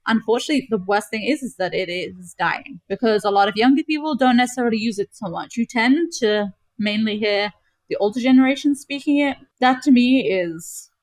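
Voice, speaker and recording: A woman's voice: fairly high pitch, fairly quick, no room sound. A young woman from Gibraltar, a podcast guest explaining things in a chatty way, often using "like" as a filler. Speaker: podcast guest, travel creator. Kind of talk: casual chat.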